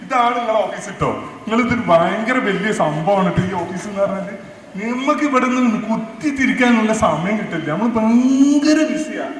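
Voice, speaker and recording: A high-pitched, brisk man's voice with lively intonation carries a comedy skit in a large hall. Using a Malabar Malayalam accent, the actor plays a boastful, bossy senior air traffic officer who brags and stammers over repeated words. The sound has echo from the hall and faint noise.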